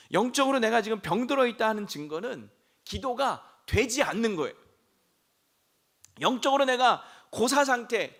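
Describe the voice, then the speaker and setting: Hoarse from a throat cold, a senior pastor preaches a sermon in a high, gravelly voice. He puts questions to the congregation and builds up to shouts.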